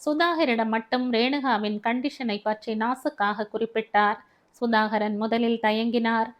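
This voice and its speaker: A woman's voice: a little high, fairly even intonation, unhurried. A woman reading a family novel aloud as an audiobook narrator.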